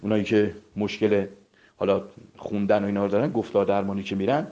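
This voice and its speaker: In a dull lo-fi recording, a male voice coach delivers a spoken vocal lesson, speaking politely to his listeners and demonstrating sounds through repetition. His voice is fairly low, dark and flat in delivery.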